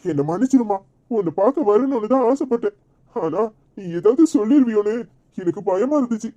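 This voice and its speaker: A woman voicing a meek, remorseful grown brother in a Tamil cartoon, speaking softly with a Tirunelveli accent. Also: animated, a little fast. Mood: apologetic. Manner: soft, apologetic, lowered voice. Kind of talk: cartoon voice acting.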